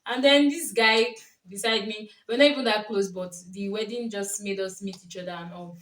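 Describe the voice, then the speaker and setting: A young Nigerian woman who speaks Yoruba and has a Nigerian accent talks to camera as a vlogger and coach, telling stories and giving casual relationship advice while laughing often. Her medium-pitched voice is steady, a bit bright, and moderately paced. The recording is roomy and taken from a distance.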